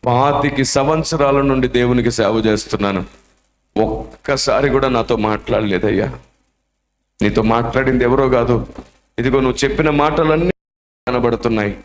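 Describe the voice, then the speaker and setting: A man voicing a weeping older evangelist who speaks slowly and solemnly. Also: mid-range voice, pitched below the performer's own voice, close to an everyday voice. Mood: tearful. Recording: echoey room.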